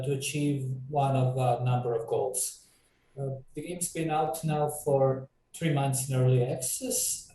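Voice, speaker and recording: A man's voice: medium pitch, mellow, roomy sound, recorded from a distance, a little hiss or hum, low-quality recording. A man from Croatia, a game developer, talking casually in an interview with many fillers and restarts.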